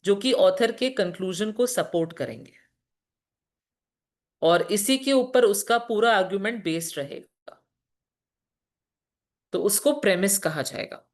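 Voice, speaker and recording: A woman's voice: medium pitch, lively intonation, measured pace, pauses often. A woman teacher giving a lecture on reasoning, explaining patiently, asking questions and answering them herself, and mixing terms into Hindi. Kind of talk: classroom lecture.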